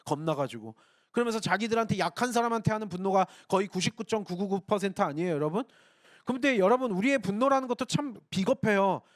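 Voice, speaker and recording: High-voiced man preaching a sermon. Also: no echo, studio quality. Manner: earnest, addresses congregation repeatedly, acts out dialogue. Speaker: pastor. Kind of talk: Sunday sermon.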